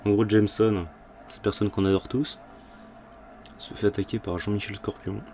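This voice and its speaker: Deep-voiced man doing rambling gaming commentary. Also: flat delivery, normal speed, warm tone. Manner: rambling, jokey, mild swearing. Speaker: gaming video host. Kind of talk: casual playthrough commentary. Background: game music.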